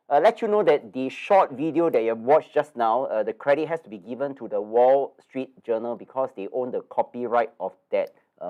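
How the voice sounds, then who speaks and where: A man's voice: medium pitch, a little mellow. A man hosts a live investing webinar, chatty and nasal, full of fillers and tag questions. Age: 50s. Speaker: investing course host.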